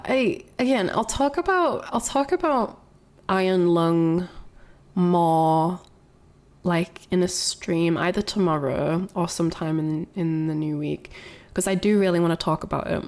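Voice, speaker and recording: A young adult woman streamer rambles casually with her chat, full of fillers and restarts, and sounds congested from a cold. Her voice is fairly low and a little mellow.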